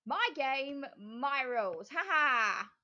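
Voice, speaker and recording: A bossy, cackling witch who sets the rules and gloats, as a woman puts her on. Her voice sits high and slow in a storybook reading. The sound is dull and lo-fi. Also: animated, a bit bright. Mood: gloating. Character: scheming, spiteful female witch who cackles.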